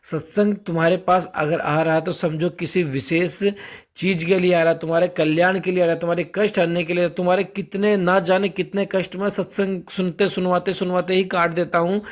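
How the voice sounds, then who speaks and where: Man, high-pitched, devotional host, formal intro, mantra chant. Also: little pitch movement, brisk. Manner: formal, preaching cadence with blessings and requests to subscribe. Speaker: channel host introducing a satsang.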